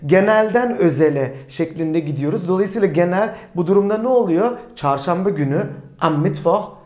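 A German language teacher explaining in a lesson, asking the viewers questions and then answering them, and saying German example sentences slowly and clearly. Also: mid-range voice, a little mellow, echoey room. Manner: asks the viewers rhetorical questions and answers them, calling them friends.

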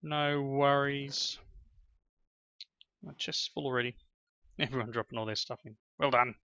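In a relaxed family game session, a middle-aged gaming channel host talks casually as he plays and offers praise to his children. He speaks a little slowly in a steady, mid-range voice with a bright, forceful, clear and resonant tone. No echo is present, but the sound is slightly dull and lo-fi.

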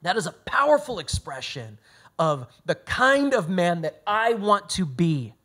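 A man's voice: high-pitched, sing-song, unhurried, fairly bright tone. Earnest male pastor. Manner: earnest, emphatic, with frequent restarts. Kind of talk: sermon delivered as a conversation.

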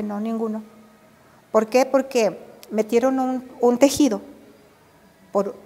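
A Mexican woman, an older embroidery artisan, telling her memories in an interview with animated storytelling and acted-out dialogue. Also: mid-range voice, in a large hall. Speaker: embroidery and drawn-thread artisan. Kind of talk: reminiscing interview.

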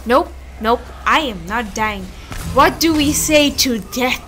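A woman's voice: a little high, expressive, takes it slowly, fairly bright tone, a little hiss or hum. A woman commenting on her own video game play, rambling and mocking herself, muttering and exclaiming as she goes. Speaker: gamer streaming gameplay. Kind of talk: self-deprecating gameplay commentary. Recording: game music playing behind.

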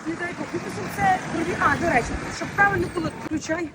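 A woman's voice: very high-pitched, fast, heavy background noise. A woman from Ukraine, chatting affectionately to her followers in a walking vlog, filmed on a phone. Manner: chatty, affectionate, mixes Ukrainian and Russian words. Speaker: vlogger. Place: outdoors on city streets, then in a clinic hallway.

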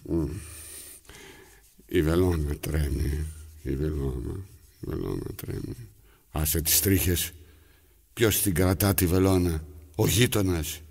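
A rumbling, gravelly low voice, a little mellow with a breathy edge, leaves long pauses in a full character turn. The man plays an aging loner who mends his trousers while rambling to himself and his needle, coaxing one moment, scolding the next, in a theatrical monologue.

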